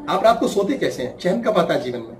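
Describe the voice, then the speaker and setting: A man teaching a class in a lively way, stretching out words and acting out little voices. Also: sits high, roomy sound, distant mic, slight background noise, rough recording. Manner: animated, acts out voices and drawn-out words. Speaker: spiritual teacher. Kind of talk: talk to a class. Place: class room.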